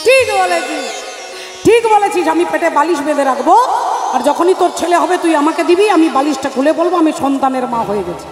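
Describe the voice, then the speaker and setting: A woman voicing a proud, childless elder sister in a devotional story, exclaiming and firing off rapid questions. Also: sits high, expressive. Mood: delighted. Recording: echoey hall, music behind.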